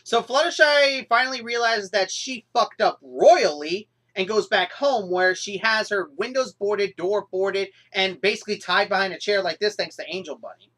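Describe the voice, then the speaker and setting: A young woman vlogs about a cartoon episode, her animated, exasperated rant breaking into sudden outbursts. Her mid-range voice moves at a normal speed with few pauses.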